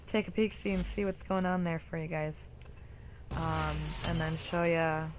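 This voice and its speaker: A woman hosting a casual gameplay video, chatty and rambling with bursts of excitement, still a bit rough-voiced from a cough. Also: fairly low pitch, slight background noise.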